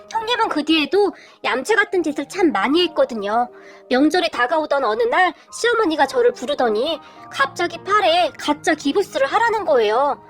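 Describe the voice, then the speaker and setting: A woman narrating a submitted family story in an expressive storytelling manner. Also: high voice. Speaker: story reader. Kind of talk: scripted narration.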